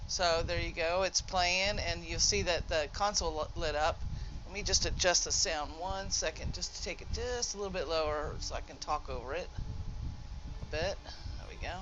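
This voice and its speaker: In a slightly high voice at normal speed, a gamer walks through an informal, off-the-cuff tutorial, fixing his own mistakes as he explains. The audio sounds dull, and there's noise along with video game music in the background.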